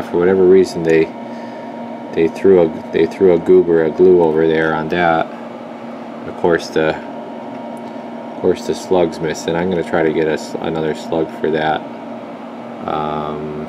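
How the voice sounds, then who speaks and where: Speaking slowly in a deep voice, a radio repair technician gives a relaxed hands-on demonstration in his indoor electronics workshop. He mutters his thoughts in informal shop slang from behind a handheld camera, and background noise can be heard.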